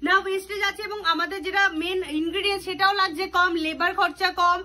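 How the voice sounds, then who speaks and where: A woman with a very high voice makes an upbeat, persuasive pitch. She talks quickly while walking the viewer through a demonstration. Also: steady tone, pushed and bright. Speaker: machine company representative. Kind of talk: promotional on-site demonstration talk.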